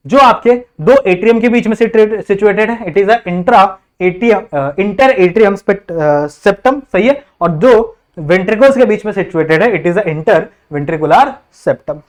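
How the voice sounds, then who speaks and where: Indian male tutor, explanatory lecture delivery, frequent comprehension checks. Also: high-pitched. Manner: keeps checking understanding with repeated questions; mixes Hindi with English terms. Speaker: biology teacher. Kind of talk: classroom lecture.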